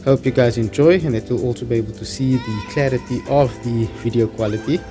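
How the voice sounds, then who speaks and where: Presenting a hands-on DIY installation tutorial, a South African-accented man speaks casually and informally, calling his viewers "guys." He talks fairly quickly in a medium pitch, and music plays in the background.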